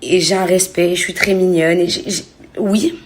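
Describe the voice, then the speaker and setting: A woman in her thirties telling a personal story to camera in an earnest, shaken way, often dropping to a hushed near-whisper. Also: fairly low pitch, steady tone, normal speed. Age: 30s. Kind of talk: emotional personal account to camera.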